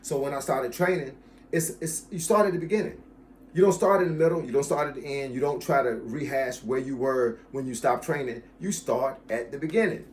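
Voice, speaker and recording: A fitness coach in his fifties talks straight to his viewers in a steady, mid-pitched voice. He hammers home each point by saying it again, with an easy, casual warmth toward his audience. A faint hiss sits under the recording. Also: fairly quick. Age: 50s. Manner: emphatic, repeats key phrases, addresses viewers as y'all. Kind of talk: casual talk to camera about his channel.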